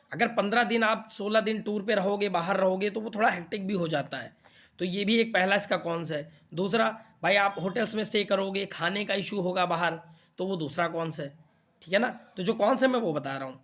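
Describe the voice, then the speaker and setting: A man's voice: high voice, fairly bright tone. A young man coaching exam students in a chatty, explaining way, often checking that they follow. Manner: chatty, repeats "theek hai na" to check understanding. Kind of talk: casual explainer talk to students.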